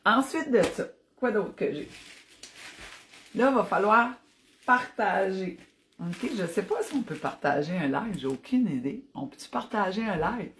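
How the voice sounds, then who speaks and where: A woman's voice: mid-range voice, animated, a little slow, slight background noise. A woman with an Acadian French accent from New Brunswick, chatting enthusiastically on a fitness live stream and slipping in English phrases. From New Brunswick, Canada. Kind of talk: casual live-stream chat.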